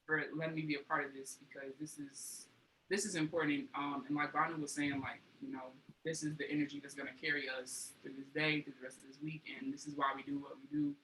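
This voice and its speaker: A woman performer talking softly and quickly, rambling a little as she thanks everyone after her set. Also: sits low, flat delivery, a little hiss or hum. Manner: soft, quick, rambling speech. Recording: echoey room with music.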